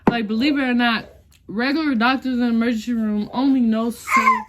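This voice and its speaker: A woman's voice: a little high, big pitch swings, a little fast, heavy background noise. A young woman tells an emotional personal story in a casual, chatty way, often calling her viewers y'all and sometimes close to tears. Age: young adult. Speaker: vlogger.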